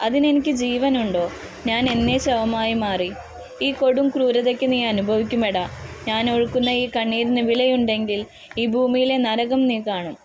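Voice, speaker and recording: A woman's voice: medium pitch, normal speed, a little mellow, slight background noise, natural voice. Woman voicing an anguished older sister, cursing through tears. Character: grieving young woman, older sister figure.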